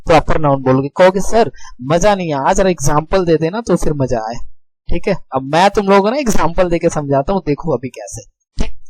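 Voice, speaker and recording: A man's voice: high-pitched, a little hiss or hum, rough recording. A man teaching grammar to students in a casual, chatty way, asking the class questions and answering them himself while repeating key words.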